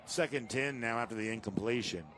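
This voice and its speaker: A man calling a live high school football game play by play, steady and informative, climbing in energy on big plays. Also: a little fast, background noise. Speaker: play-by-play announcer.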